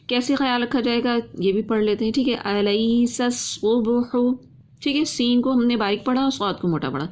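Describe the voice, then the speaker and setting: Woman teaching slow Quran recitation drills. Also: on the high side, lively intonation. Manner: repeats each word twice, asks and answers her own questions. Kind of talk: recitation lesson, slow drawn-out words then quick explanation.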